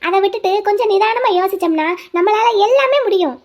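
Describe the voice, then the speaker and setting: Defiant young cartoon heroine. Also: female voice, very high voice, expressive, fast talker, highs cut off. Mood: determined. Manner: firm, confident and upbeat. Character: bold young village woman, defiant and cheerful. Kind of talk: cartoon voice acting.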